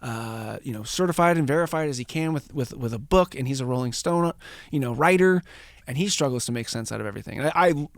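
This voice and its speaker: A man's voice: medium pitch, lively intonation, quick pace, dry recording, studio quality. A man hosting a podcast, telling a story in a casual, profane, rambling, jokey way. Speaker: podcast host.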